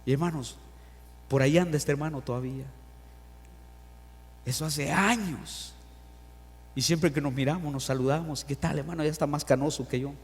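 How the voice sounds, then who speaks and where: A man's voice: on the high side, normal speed, pauses often. A middle-aged man preaching a sermon to his congregation. He acts out Bible quotes and stories and asks the listeners questions. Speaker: pastor. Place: church sanctuary. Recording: long church hall reverb.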